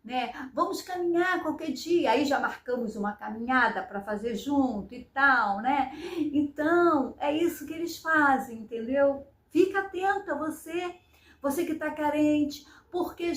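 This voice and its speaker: A woman speaks straight to her viewers in a casual vlog, her voice high and her delivery emotional, often wavering near tears. She keeps checking in with her listeners with short tag questions as she talks. The sound carries the echo of a bare room. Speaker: vlogger. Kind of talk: casual personal storytelling.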